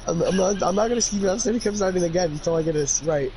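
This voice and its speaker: Speaking in a high, racing voice, a young man gives a casual, comic reading of fan fiction, constantly wandering off into profane asides. The recording is noisy and amateur, with room sound in the background.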